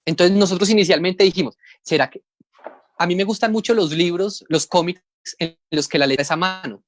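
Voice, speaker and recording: A man's voice: high-pitched, fairly quick, dry recording. A Colombian man, a comics editor, talking casually over a video call, rambling and explaining things step by step. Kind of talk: casual panel talk.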